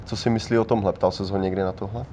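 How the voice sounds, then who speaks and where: Low-voiced man asking questions, traffic behind. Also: steady tone, warm tone. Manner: eager, repeats catchphrases. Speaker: interviewer. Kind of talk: casual chat.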